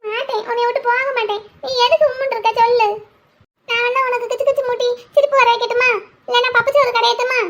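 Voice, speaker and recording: A woman's voice: extremely high pitch, little pitch movement, quick pace, a bit bright. A woman voicing a small, cheeky and affectionate girl in a cartoon. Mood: pleading. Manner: chirpy, teasing, pleading.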